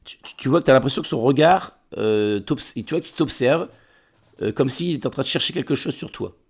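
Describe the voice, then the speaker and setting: A man narrating a tabletop role-playing game as game master, halting and often repeating words. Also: mid-range voice, animated, breathy edge.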